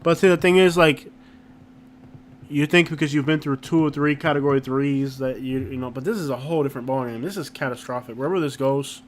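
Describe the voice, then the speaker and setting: A man hosting a casual live stream, talking in an informal, slangy and halting way and often repeating himself. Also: medium pitch, steady tone, slight background noise. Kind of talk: casual live stream chat, reacting to viewers. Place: inside a rented house.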